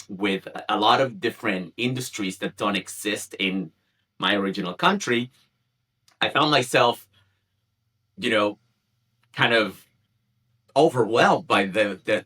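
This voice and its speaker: Man, from Chile, native Spanish speaker, thirties, low-pitched, bright forceful tone, halting speech with fillers. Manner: hesitant, many fillers and restarts. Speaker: guest, community founder. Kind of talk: conversational interview.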